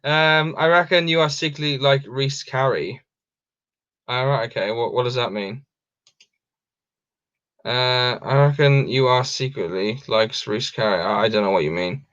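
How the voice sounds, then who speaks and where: Unhurried and fairly bright, a young man from Wales speaks in a medium-pitched voice as he hosts a casual livestream. He reads viewer questions and answers them in a wandering way, full of ums and false starts, over dull lo-fi stream audio.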